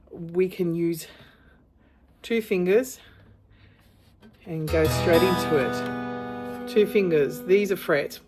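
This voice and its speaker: A low-voiced woman teaches guitar and singing to a beginner in an informal, encouraging, reassuring demonstration. An acoustic guitar is strummed alongside her voice throughout.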